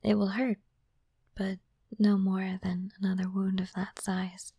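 A calm, caring young princess, played by a woman, speaks only in a soft, airy whisper. She takes her time over every phrase, unhurried and reassuring. The sound is intimate and dry, right up at the microphone. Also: mid-range voice, slightly rough, no room sound. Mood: soothing whisper. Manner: slow, soothing, reassuring. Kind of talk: whispered ASMR roleplay.

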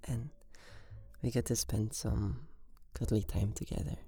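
A man in an ASMR role-play as a tender, soothing boyfriend, murmuring sweet nothings in a soft, breathy voice. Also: fairly low pitch, measured pace, faint music behind.

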